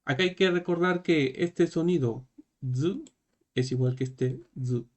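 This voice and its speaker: Guy teaching japanese to beginners, talks slow, keeps asking ¿no? ¿sí?. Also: on the high side, darkish tone. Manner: slow, repetitive, checking in with "¿no?" and "¿sí?". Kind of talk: classroom lesson.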